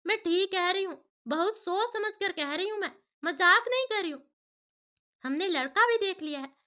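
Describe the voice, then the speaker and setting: A woman's voice: very high voice, expressive, moderate pace, pushed and bright, voice pushed up, full character voice. A woman voicing a caring elder sister who talks in an earnest, persuasive way.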